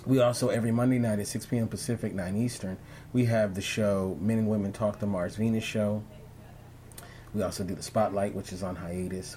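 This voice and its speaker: Low-voiced guy hosting a chat show, loose and rambly, bit of noise in the background. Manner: relaxed, rambling with many fillers. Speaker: podcast host. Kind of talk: casual interview chat.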